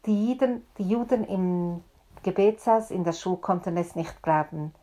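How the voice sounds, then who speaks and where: A woman telling a story in a deliberate, expressive way. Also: on the low side. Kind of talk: told story.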